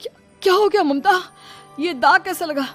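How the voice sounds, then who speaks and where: Woman putting on a young cartoon husband, lower voice, upset and blaming his mom. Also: moderate pace, faint music behind. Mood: accusing. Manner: accusing, protective. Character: young husband, worried and angry.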